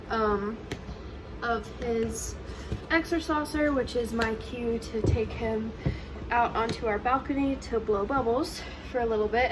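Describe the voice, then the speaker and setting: A woman's voice: fairly high pitch, background noise. A young woman, a stay-at-home mom, chatting casually through her day's chores in a home vlog. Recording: music playing under the voice.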